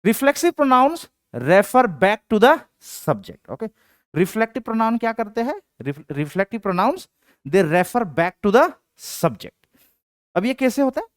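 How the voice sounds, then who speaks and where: A man giving an exam-prep English grammar lecture, asking questions and answering them himself, and reading English sentences out slowly. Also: sits high, sing-song, clean tone, dry recording, studio quality. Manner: explains, then asks and answers his own questions.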